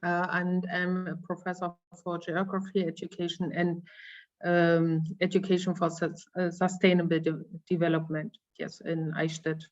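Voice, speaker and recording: A woman's voice: on the low side, little pitch movement, moderate pace. A woman professor introduces herself on a video call, friendly but a little hesitant. The call audio is dull and lo-fi, with the top end missing. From Germany. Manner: friendly, hesitant, laughs between phrases. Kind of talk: online self-introduction.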